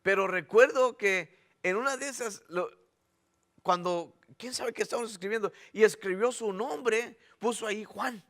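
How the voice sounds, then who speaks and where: High-voiced preacher. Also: male voice, normal speed, fairly bright tone. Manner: conversational, many restarts and "¿ok?" checks. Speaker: pastor. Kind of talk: Spanish-language sermon.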